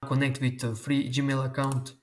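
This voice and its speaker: A tutorial host whose first language is Croatian walks through software steps in a screen-recorded tutorial. He speaks slowly at a medium pitch with little movement in it, giving instructions one step at a time.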